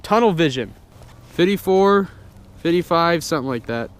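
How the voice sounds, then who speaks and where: A young man chatting casually to camera in an informal, excitable way, swearing freely. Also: a little high, normal speed, clean tone. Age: young adult. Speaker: vlogger, fishing host. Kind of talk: casual outdoor vlog chat. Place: outdoors on a frozen pond and by a river. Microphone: handheld or body-worn action camera. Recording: noisy outdoor action camera audio.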